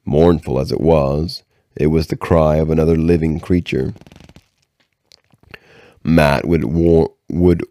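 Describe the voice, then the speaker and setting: Very deep-voiced man reading a novel aloud. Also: steady tone, mellow, dry recording, studio quality. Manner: measured reading with occasional stumbles and restarts. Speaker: audiobook reader.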